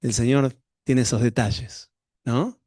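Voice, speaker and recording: A man's voice: mid-range voice, steady tone, a little slow, warm tone, husky, dry recording, clean studio sound. A middle-aged male pastor, telling a personal story to his congregation in a conversational sermon.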